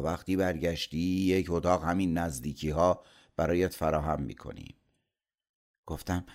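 A man's voice: rumbling low, darkish tone. A man reading a novel aloud as an audiobook narrator, voicing the dialogue in his own voice.

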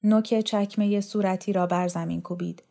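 A woman reading a novel aloud in calm, measured narration. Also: mid-range voice, vocal fry. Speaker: narrator, audiobook reader.

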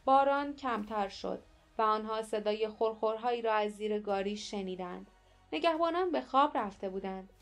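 A woman narrating an audiobook in a steady, measured reading. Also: mid-range voice, faint music behind. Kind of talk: scripted narration.

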